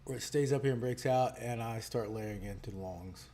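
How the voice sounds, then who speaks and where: Guy co-hosting a trading stream, mid-pitched voice, thinking out loud, bit of faint hiss behind him. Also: moderate pace. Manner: thinks out loud, relaxed banter. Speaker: co-host of a live trading stream. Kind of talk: casual chat while trading.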